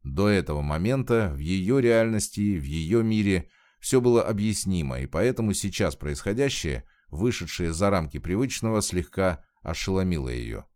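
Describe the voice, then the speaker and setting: Deep-voiced man reading a novel. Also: normal speed, hardly any pauses, no echo, studio quality. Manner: expressive storytelling. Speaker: narrator. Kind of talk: audiobook reading.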